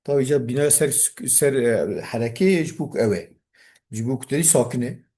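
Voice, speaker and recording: A man's voice: medium pitch, brisk, dark tone, husky. A man with a Kurdish accent teaching a classical grammar text, reading it aloud and then explaining it.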